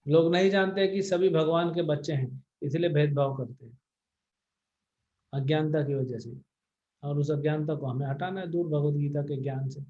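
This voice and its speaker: A man's voice: a little high, fairly even intonation, normal speed, warm tone, dull audio. A man, a spiritual teacher, answering devotees' questions on a video call in a blunt, scolding way with English words mixed in. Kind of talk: devotional Q&A discourse.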